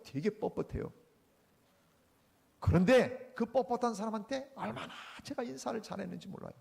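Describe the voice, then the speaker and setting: Male pastor preaching in a church, high-pitched and gravelly, animated storyteller. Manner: animated storytelling, acting out the people in his anecdotes. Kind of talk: Sunday sermon. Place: church sanctuary.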